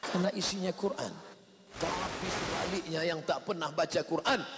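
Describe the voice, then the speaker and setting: A man preaching a sermon, telling stories with lively delivery and acting out the people in them. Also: normal speed. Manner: animated storytelling, acts out quoted parents with shouts and high voices. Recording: long hall reverb, faint noise.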